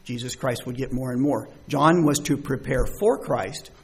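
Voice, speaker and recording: At a moderate pace, a man with a mid-range, slightly breathy voice delivers a conversational sermon. He reads out verses and poses rhetorical questions in what is a sermon or bible study.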